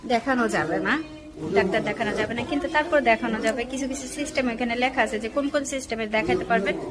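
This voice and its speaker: A woman's voice: a little high, quick pace. A woman from Bangladesh talking to her viewers in a casual vlog, explaining things and advising them directly. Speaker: vlogger.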